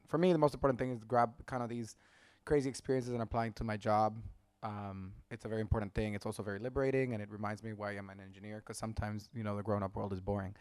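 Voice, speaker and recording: A man's voice: lowish voice, darkish tone, clear, resonant tone, no room sound. Man, 30s, from El Salvador, engineer mentor, eager rambling panel talk, resonant, close and dry. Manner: rambling and enthusiastic, many restarts and "like"s.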